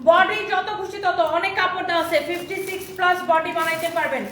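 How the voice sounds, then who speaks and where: A woman selling clothes on a live stream, repeating prices in a quick pitch, her throat sore and strained. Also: fairly even intonation, a bit bright, echoey room, recorded from a distance, slight background noise. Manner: fast repetitive sales pitch, repeats prices. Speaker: online clothing seller.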